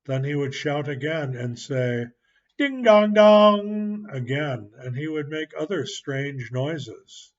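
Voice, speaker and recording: A man reading a story aloud calmly and deliberately for learners, on a muffled recording. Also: medium pitch. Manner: calm, deliberate, clearly spaced. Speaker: narrator.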